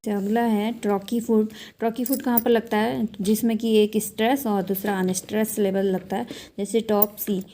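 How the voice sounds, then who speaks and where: Mellow-voiced woman teaching syllables. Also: medium pitch, fairly even intonation. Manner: slow, drawn-out word-by-word syllable breakdowns with frequent fillers. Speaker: English literature tutor. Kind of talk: explanatory online lesson.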